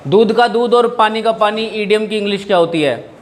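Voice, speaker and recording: This young man's voice is high and a bit fast as he teaches English grammar in class, blending Hindi with English and cracking jokes with students. A slight hiss or hum runs under the recording.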